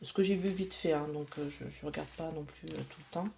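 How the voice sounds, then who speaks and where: A woman's voice: sits low, fairly even intonation, brisk, gravelly, warm tone, slight background noise. A woman chatting casually to camera as she lays out runes and cards for a reading, explaining each step with plenty of fillers. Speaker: psychic reader.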